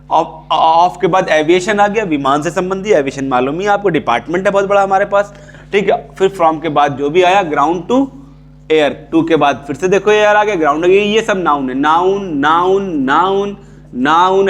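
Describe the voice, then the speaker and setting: Higher-voiced Indian man teaching English grammar. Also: moderate pace. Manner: repeats key terms, checks in with "ठीक है". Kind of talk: casual classroom lecture.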